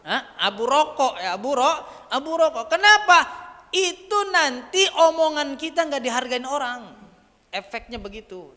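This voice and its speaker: High-voiced preacher in an echoing hall. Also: male voice, big pitch swings, unhurried, sharp tone. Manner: chatty storytelling, asks audience questions; mixes in Javanese words. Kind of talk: dawn religious lecture.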